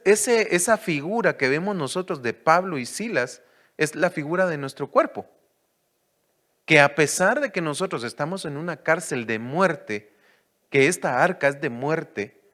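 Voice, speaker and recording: A man preaches in a voice pitched a little above most men's. He keeps putting questions to the congregation. He moves from loud, lifted lines down to quiet, low asides. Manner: asks the congregation questions, then answers them. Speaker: church elder preaching. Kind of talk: sermon.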